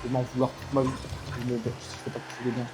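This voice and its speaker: A gamer commenting live on an online match, excitable, swinging from low mutters to loud outbursts. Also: very fast, over music. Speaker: gaming commentator.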